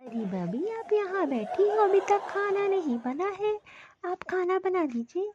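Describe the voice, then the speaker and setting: A woman's voice: extremely high pitch, very animated, a little slow, very noisy, heavily acted. A woman voicing a worried, put-upon young sister-in-law in a cartoon, anxious and grumbling, yet obliging. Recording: dull lo-fi recording.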